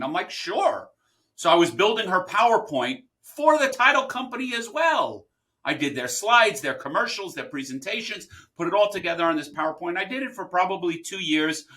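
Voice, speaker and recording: A middle-aged man from the United States, a podcast guest telling his business story in an animated way and acting out the people he quotes. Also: on the high side. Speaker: podcast guest, title company founder. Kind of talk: storytelling interview answers.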